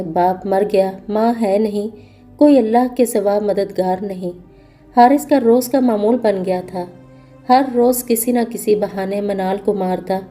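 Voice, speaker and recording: A woman narrates a scripted story in a steady, earnest way. Her voice sits at a middle pitch with a very dark, mellow tone. Faint music plays beneath her.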